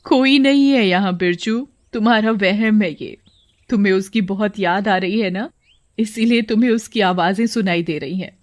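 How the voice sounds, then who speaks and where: A woman's voice: medium pitch, moderate pace, natural voice. A woman voicing a village sister-in-law in a cartoon, matter-of-fact and soothing. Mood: calm.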